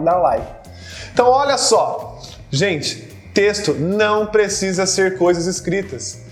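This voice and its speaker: A man with a Brazilian Portuguese accent teaching a video lesson, playfully acting out little everyday scenes. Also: high-pitched.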